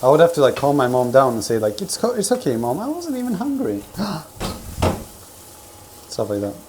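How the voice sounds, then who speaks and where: A man from Sweden, who grew up speaking several languages and whose first language isn't Swedish, livestreams casually from his home kitchen while cooking. In a mid-range, very animated voice, he tells personal stories in a rambling, halting, sweary way. Kitchen ambience and frying food come through clearly in the background.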